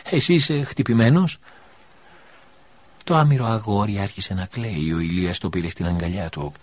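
Husky low-voiced male narrator. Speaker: audiobook narrator. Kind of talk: scripted narration. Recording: dull lo-fi recording.

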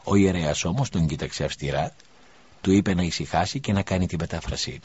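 A man narrating an audiobook in an even, measured reading style. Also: deep voice, husky, dull audio. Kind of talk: scripted narration.

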